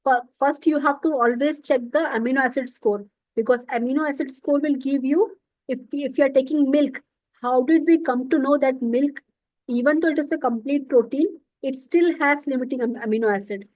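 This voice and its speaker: A woman's voice: sits high, normal speed, darkish tone, no room sound, rough recording. A woman giving an online nutrition lecture, explaining step by step and often checking in with "okay". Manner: explanatory, repeats terms and says okay often.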